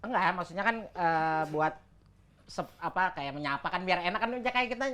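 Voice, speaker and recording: A man's voice: high-pitched, lively intonation, normal speed, bright, forceful tone. A young man guesting on a comedy chat show, talking playfully and chanting little melodies.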